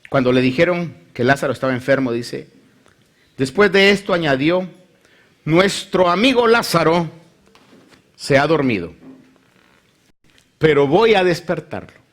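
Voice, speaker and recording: Lively, high-voiced preaching pastor. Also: male voice, unhurried, long pauses. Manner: animated preaching, acts out voices of the Bible story. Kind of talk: sermon.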